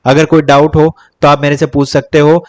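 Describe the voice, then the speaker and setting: Speaking at a moderate pace in a fairly high, level voice, a young man runs a casual Hindi-English exam coaching lecture. He repeats points, lists and counts topics, and keeps calling his viewers "bhai".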